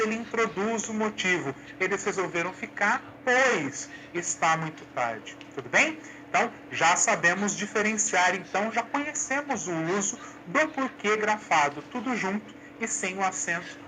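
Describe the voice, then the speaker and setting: A woman's voice: medium pitch, sharp tone, slight background noise, poor audio. A woman explaining grammar rules to a class, patiently checking in with "ok?" and asking her students questions. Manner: patient, asks questions back, says "ok?" and "olha lá". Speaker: Portuguese grammar teacher.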